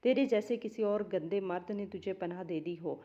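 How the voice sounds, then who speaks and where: A woman voicing a cruel, scornful older mother-in-law who taunts and shouts, in a storybook. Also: medium pitch, lo-fi sound, lightly acted.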